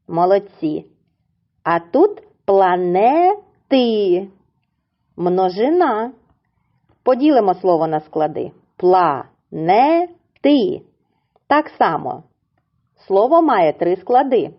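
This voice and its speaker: A preschool teacher with a mid-range voice coaxes small children through a lesson in a sing-song tone, pronouncing words slowly, syllable by syllable. The highs are cut off in the audio.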